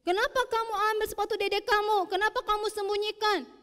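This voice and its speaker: Woman playing a firm, gently scolding mother. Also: very high voice, fairly even intonation, fairly quick, in a large hall, pitched above the performer's own voice.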